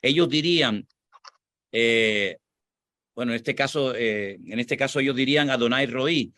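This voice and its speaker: A Spanish pastor talking through a question in a patient teaching voice of middle pitch. He repeats key phrases for emphasis. The sound is dry and close, with no room echo. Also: unhurried, sharp tone. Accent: Spanish (Spain). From Spain. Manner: explanatory, repeats points for emphasis. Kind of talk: sermon-like teaching, answering questions.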